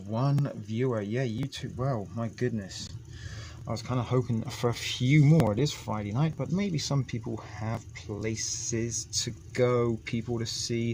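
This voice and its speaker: A man's voice: medium pitch, a little mellow, a little hiss or hum. A man hosting a live stream, chatting casually in a hesitant, rambling way. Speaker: host of a live online show.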